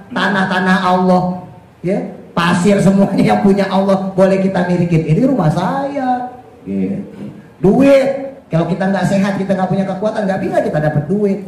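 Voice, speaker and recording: A man preaching a casual, lively sermon, acting out dialogue with playful humor. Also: high voice. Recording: very echoey room with faint noise.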